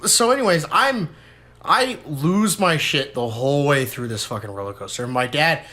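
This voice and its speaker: A young man, a podcast host, telling a story in casual chat, animated and swearing, breaking into high shouts when he quotes someone. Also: normal speed. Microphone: podcast mic, low-quality audio.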